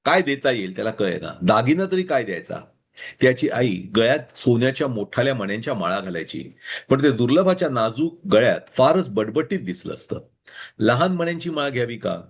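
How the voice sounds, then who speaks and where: A man reading his own story aloud in a measured storytelling manner. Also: mid-range voice, very animated, husky. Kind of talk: story narration.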